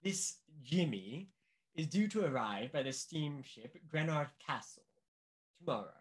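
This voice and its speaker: In a mystery radio play, an actor with a fairly high, expressive male voice plays a pompous, anxious upper-class government official, speaking deliberately and emphatically. He sounds earnest and conspiratorial, with a noisy background.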